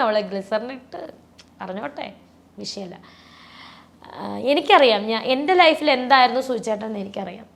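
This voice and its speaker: A woman talking as an interview guest, rambling and restarting, her voice often sinking soft and low with emotion. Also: vocal fry. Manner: rambling, many restarts and fillers. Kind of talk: personal interview talk.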